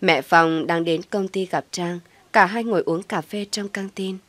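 A woman narrating a dramatic audio story in a steady, measured way. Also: on the low side, no echo.

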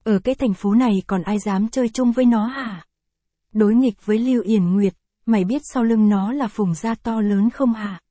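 A woman's voice: mid-range voice, normal speed, warm tone, no echo, close to an everyday voice. Brutal old patriarch voiced by a woman reader, harsh, scornful, dry close sound. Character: cruel old male family patriarch, brutal.

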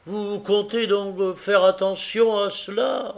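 A man reading aloud voices a sour, scheming toy merchant with a grudging, wary manner and a gravelly voice. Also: high voice, flat delivery, slow pace, voice pushed up, exaggerated voice.

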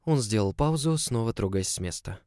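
A man's voice: fairly low pitch, animated, brisk, a little mellow, clean tone, no room sound. A man narrating a story in the first person, in an intimate, close storytelling manner. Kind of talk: audiobook narration.

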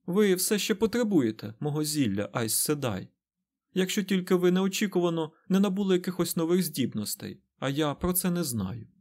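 A man voicing a sharp-tongued young village healer woman in an audiobook, with a dry, defiant tone. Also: high voice, big pitch swings, moderate pace, few pauses, pitched above the performer's own voice.

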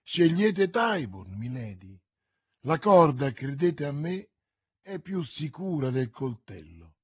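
A man's voice: a little high, very animated, slow, a little mellow, slightly rough, dry recording, clean studio sound, exaggerated voice. A man reading aloud, voicing a stern, suspicious baron who speaks in a mocking, contemptuous way.

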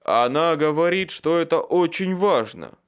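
A man reading aloud and voicing an earnest adult man who keeps calling out from upstairs with gentle insistence. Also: lowish voice, expressive, slow, gravelly, full character voice. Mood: insistent.

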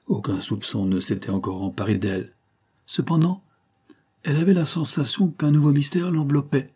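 A man reading a classic novel aloud as an audiobook narrator, in an expressive literary manner. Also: on the low side, husky. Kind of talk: scripted narration.

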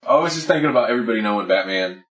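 A man's voice: on the low side, animated, rapid-fire, a bit bright. Guy co-hosting a podcast, swears a lot, rambles on, sounds a little far from the mic. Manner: rambling, profane, explains at length. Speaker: podcast co-host. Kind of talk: casual drunk chat about comics.

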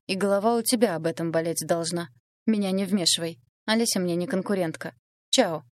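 A woman's voice: on the low side, fairly quick, dry recording, clean studio sound, lightly acted. A woman voicing a spiteful, scheming young woman who sneers and mocks. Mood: scornful. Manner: sneering, venomous. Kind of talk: audiobook dialogue reading.

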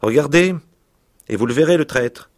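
A man reading aloud and voicing an angry boy gang leader who accuses a traitor, loud and indignant. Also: on the low side, level tone, moderate pace, no room sound, close to an everyday voice. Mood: outraged.

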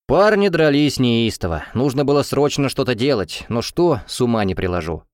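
A man narrating a fantasy novel in first person, expressive and engaged. His pitch moves a lot and his voice sits at a middle height. The recording is close with no room sound. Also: normal speed, no room sound. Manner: expressive, storytelling delivery. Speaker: audiobook narrator.

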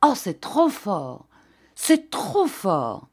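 A woman's voice: medium pitch, huge pitch swings, drawn-out words, a little mellow, husky, heavily acted. A woman doing a testy old baron. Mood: indignant. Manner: curt, impatient. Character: old aristocratic father, irritable and blunt.

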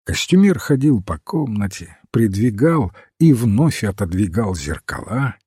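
A man narrating an audiobook in a measured, even storytelling manner. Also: lowish voice, breathy edge, dry recording, studio quality. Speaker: audiobook reader. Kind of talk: scripted narration.

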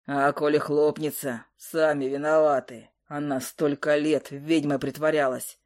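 A woman's voice: sits low, little pitch movement, measured pace, darkish tone, voice pushed down. A woman voicing a big-bellied male troll cook who talks bluntly and folksily. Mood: phlegmatic.

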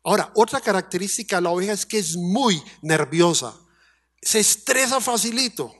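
High-voiced Colombian pastor preaching. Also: male voice, normal speed. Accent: Colombian Spanish. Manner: animated preaching with rhetorical questions to the congregation; acts out quoted voices in a high, fretful tone. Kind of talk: sermon.

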